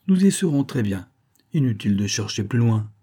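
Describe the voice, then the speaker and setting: A man's voice: medium pitch, sing-song, moderate pace, warm tone, husky. A man voicing a sly, wary male cat who teases with mock piety in a storybook reading. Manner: mock-pious, smug and teasing.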